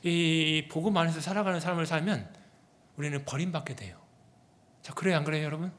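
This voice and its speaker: A man preaching a sermon as pastor, animated and asking the congregation rhetorical questions. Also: on the high side, a little fast. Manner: animated, acts out quoted people in their own voices.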